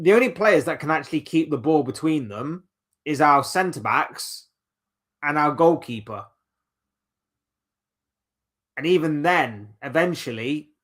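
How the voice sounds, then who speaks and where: A man hosting a casual solo football chat, rambling and opinionated, reeling off players one by one. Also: medium pitch. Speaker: football channel host.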